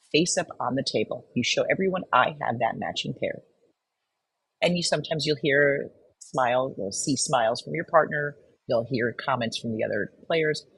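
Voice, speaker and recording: A woman's voice: a bass voice, breathy edge, dry recording, poor audio. A woman narrating a step-by-step card game tutorial, explaining each turn patiently and methodically.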